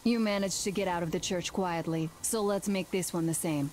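A woman playing a capable young female soldier in a video game, earnest and brisk in her commands. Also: fairly low pitch, fairly even intonation, a little mellow, a little hiss or hum, natural voice. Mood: businesslike. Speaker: squad member giving a mission briefing.

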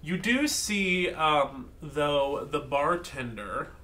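A man's voice: fairly high pitch, lively intonation, drawn-out words, sharp tone. A man narrating a tabletop game as game master, casual and rambling.

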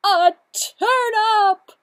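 Woman as an overjoyed, high-pitched cartoon cow. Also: extremely slow, a bit bright, a little hiss or hum, exaggerated voice. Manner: gushing, exclaiming. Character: excitable, delighted cartoon birthday cow. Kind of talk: picture-book read-aloud.

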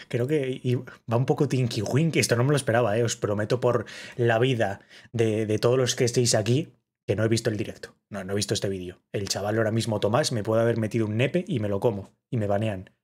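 Husky Spanish man reacting excitedly. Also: on the low side, brisk. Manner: excitable, shouts in mock awe, repeats himself. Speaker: streamer reacting to a clip. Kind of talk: casual reaction commentary.

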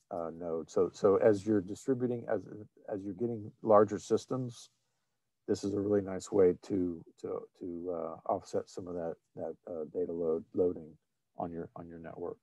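Male webinar presenter, mellow dry voice, halting delivery with frequent fillers. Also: sits low, dry recording. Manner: halting, many fillers and restarts. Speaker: presenter of an online technical seminar. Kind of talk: screen-shared webinar presentation.

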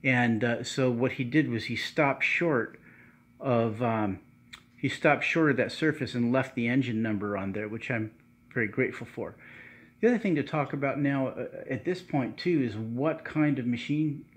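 Halting man in a garage workshop. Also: mid-range voice. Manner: halting, many fillers and restarts. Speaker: channel host restoring cars. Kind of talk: casual workshop how-to talk. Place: home garage workshop, indoors.

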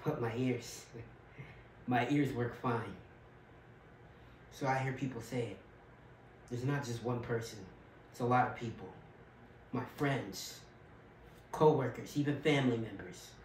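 Heartbroken widower guy, as a man acts him out, quiet and halting, roomy echo, faint hum behind. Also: medium pitch, distant mic, lightly acted. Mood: grieving. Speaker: actor performing a monologue. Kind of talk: dramatic monologue.

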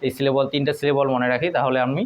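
A man teaching English spelling tricks, spelling words out letter by letter in a slow, deliberate way. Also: medium pitch, level tone, rough recording. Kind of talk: spelling lesson.

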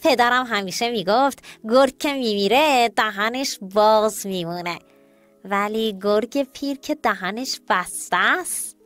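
A woman's voice: fairly high pitch, a bit bright, soft background music, voice pushed down, lightly acted. A woman voicing a clever, cautious rabbit in a children's story, speaking emphatically. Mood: cunning.

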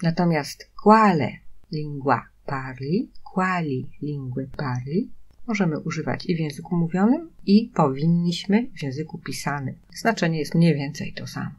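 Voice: mid-range voice, expressive, moderate pace, husky. A language teacher giving a recorded lesson, patiently saying each example phrase twice before explaining it. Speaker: Italian teacher.

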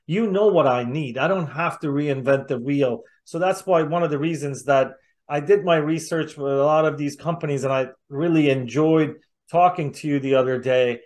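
This middle-aged interviewer runs a relaxed conversation on a video call from inside a room. His pitch is fairly high with a slightly mellow quality, heard through the call's microphone.

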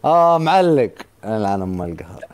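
A man's voice: fairly low pitch, big pitch swings, fast talker, darkish tone. A man, a live streamer taunting his rival and urging his viewers on in a boisterous stream battle.

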